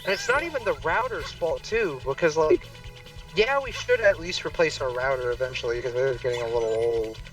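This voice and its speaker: A man with a somewhat high voice chats loosely on a game stream, stringing thoughts together with lots of fillers. He sits a little away from the mic, and faint game music plays under him. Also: lively intonation, brisk, fairly bright tone, far from the mic, rough recording. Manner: rambling, heavy on fillers. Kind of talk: casual chat while gaming.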